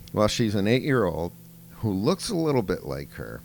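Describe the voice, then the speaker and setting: A man's voice: a little slow, gravelly, a little hiss or hum. A man co-hosting a casual chat show, telling stories animatedly. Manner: animated storyteller, mimics voices with raised pitch. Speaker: co-host.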